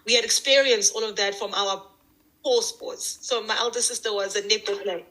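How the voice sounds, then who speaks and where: A young woman with a South African accent shares candid stories as a podcast guest. Her voice is bright and clear. She tells them in an animated, lively way and often restarts her sentences. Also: mid-range voice, moderate pace, low-quality recording. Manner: animated, candid storyteller with frequent restarts and laughter. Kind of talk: casual podcast storytelling.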